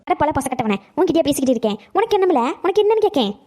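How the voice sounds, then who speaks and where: A woman's voice: high-pitched, big pitch swings, racing, mellow. A woman voicing a chatty old grandmother. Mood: dramatic. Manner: dramatic, theatrical scolding. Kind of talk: cartoon comedy acting.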